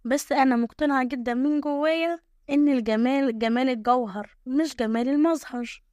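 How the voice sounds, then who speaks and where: A woman's voice: high voice, fairly quick, a little mellow, no room sound, natural voice. A woman voicing a cheerful, easygoing young village woman with an Egyptian accent, shrugging off insults. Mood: carefree. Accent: Egyptian Arabic.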